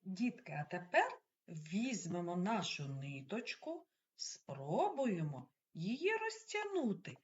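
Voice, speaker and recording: Slow, lively-voiced woman teaching toddlers. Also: medium pitch. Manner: slow, exaggerated articulation, coaxing and praising. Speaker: preschool teacher. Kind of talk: speech lesson for small children. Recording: dull lo-fi recording.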